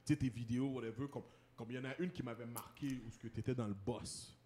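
A man's voice: mid-range voice, fast talker, mellow. A man with a Québécois accent interviewing a guest in a casual chat, easygoing and agreeable. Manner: easygoing, agreeable, lots of "ok" and "ouais".

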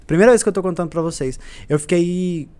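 A man's voice: sits high, quick pace, darkish tone, clear, resonant tone. A man, a musician guest telling stories earnestly in a casual podcast chat. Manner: earnest, repetitive storytelling.

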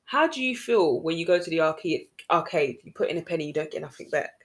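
A woman's voice: sits low, expressive, fast talker. A woman in casual chat with her sister, earnest and a little preachy, repeating phrases for emphasis. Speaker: podcast host.

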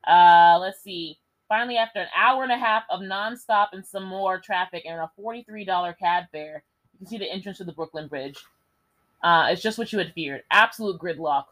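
Young woman reading a choose-ur-own-adventure out loud, swears a lot, jokey. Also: lowish voice, moderate pace, low-quality recording. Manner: lively, swears and jokes between passages. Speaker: host. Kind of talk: reading a gamebook aloud.

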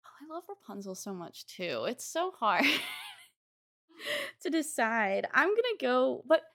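A woman's voice: high-pitched, wildly swooping pitch, takes it slowly, fairly bright tone. A young woman podcast co-host chatting enthusiastically and going back and forth while she decides. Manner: enthusiastic, indecisive. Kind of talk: casual chat.

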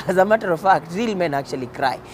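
A Kenyan-accented man with a high-pitched voice gives an informal, emphatic motivational talk, code-switching between English and Swahili slang and repeating phrases for effect. As host, he addresses men on faith and life, with slight background noise in the recording.

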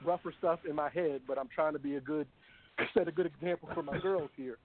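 A man's voice: on the high side, fairly quick, slight background noise. A man co-hosting a sports talk show, ranting emphatically and repeating his points. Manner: fired-up, emphatic, repeats phrases. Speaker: co-host. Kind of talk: sports talk radio rant. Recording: phone-quality audio.

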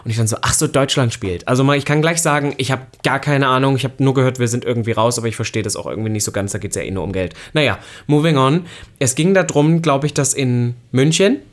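A man's voice: mid-range voice, fast. A young man co-hosting a podcast in casual chat, rambling and opinionated, often restarting his sentences. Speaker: podcast co-host.

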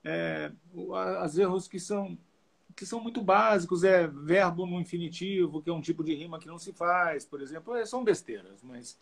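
A man's voice: high-pitched, moderate pace, creaky, breathy edge. A man who translates song lyrics, talking casually in an interview with many restarts and hesitations. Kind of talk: casual video call interview.

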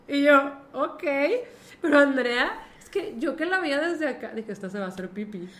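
Mexican woman co-host, slightly high voice, chatty, lots of backchannel. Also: expressive, moderate pace, a bit bright. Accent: Mexican Spanish. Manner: chatty, frequent "ajá" backchannels. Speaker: podcast co-host. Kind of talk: casual chat, storytelling.

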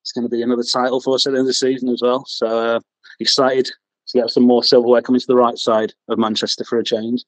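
A man from England with a Mancunian accent chats as a podcast guest in a casual interview, his medium-pitched voice completely flat and quick. He hesitates a lot with ums and restarts and chuckles at himself, on a low-quality recording with no echo.

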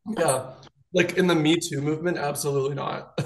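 Teasing man with a higher voice. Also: steady tone, a little fast. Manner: teasing, laughs a lot, says "like" often. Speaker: podcast guest. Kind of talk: casual chat.

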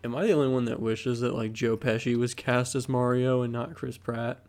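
A young man co-hosting a podcast over a video call, teasing with crude jokes and deadpan asides. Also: medium pitch, fairly quick. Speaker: podcast co-host. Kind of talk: casual chat.

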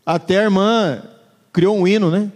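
A man preaching a sermon in a church, turning from loud emphasis to hushed, low words as he reads scripture. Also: steady tone, normal speed. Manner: dramatic, swings between loud and hushed low voice. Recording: long church reverb.

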